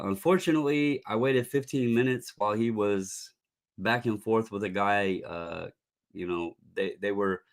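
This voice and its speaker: A man with a scratchy, sore-throat voice hosting a live stream, rambling conversationally through casual hobby stories. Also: on the low side.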